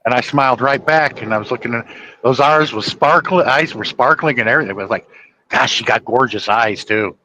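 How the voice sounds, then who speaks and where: A man's voice: medium pitch, brisk, sharp tone, a little hiss or hum, poor audio. A man hosting a podcast, telling stories and insisting on his point in a rambling casual chat. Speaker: podcast host.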